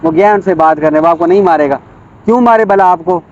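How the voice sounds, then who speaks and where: A man talks gently and coaxingly outdoors, repeating his questions. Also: high-pitched, fairly quick, muffled recording, a little hiss or hum. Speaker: passerby filming. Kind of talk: casual street talk.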